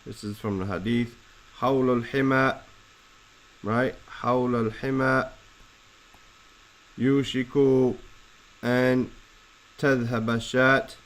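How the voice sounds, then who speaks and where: A man teaching a lesson, explaining Arabic words slowly and deliberately, spelling out letters and roots. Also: medium pitch, steady tone, poor audio. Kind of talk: classroom explanation of Arabic text.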